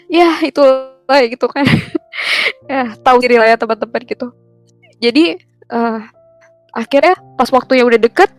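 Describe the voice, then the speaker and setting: Young woman telling her story, kinda high voice, lots of ums and uhs, dry close sound, soft music under it. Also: clear, resonant tone, dry recording. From Jakarta, Indonesia. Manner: hesitant, many fillers, acts out quoted dialogue. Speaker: testimony guest. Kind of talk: personal testimony, casual storytelling.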